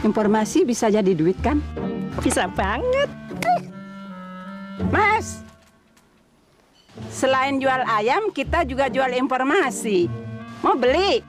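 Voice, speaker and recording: Slow, high-voiced, cranky old granny. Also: female voice, sing-song, over music, exaggerated voice. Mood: wheedling. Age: older. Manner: curt, scolding. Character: sly, cranky old granny chicken seller. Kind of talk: television drama acting.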